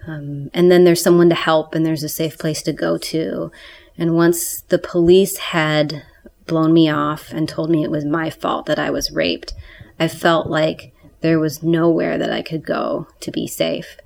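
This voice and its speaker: A woman being interviewed for a documentary whose voice has been disguised to sound deep, speaking in a measured, halting way. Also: level tone, gravelly, a little mellow. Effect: voice disguised, pitched deep.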